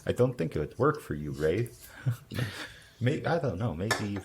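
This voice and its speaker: Very deep-voiced man at a game table. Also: sing-song, takes it slowly, slight background noise. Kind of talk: casual game-table chat.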